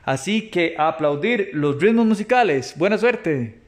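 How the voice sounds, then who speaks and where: Slow, patient male music teacher. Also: high-pitched, animated. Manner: patient, slow, counts beats aloud and demonstrates claps and shushes. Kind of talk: explanatory lesson audio for students.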